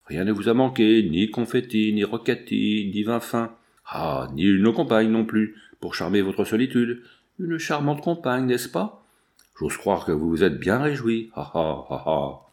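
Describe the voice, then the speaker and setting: A man's voice: lowish voice, animated, a little slow, darkish tone. A man voicing a sneering, volatile male bandit chief in a storybook reading, with a hissing voice and mocking, forced laughter. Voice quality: hissing voice, teeth grinding.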